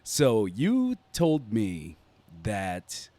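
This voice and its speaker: A man who is a native English speaker hosts a casual chat in a deep, smooth, low magnetic voice, with an informal, familiar way of talking. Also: huge pitch swings, extremely slow, mellow, no echo. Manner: informal, familiar, addresses others as man and bro. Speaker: host.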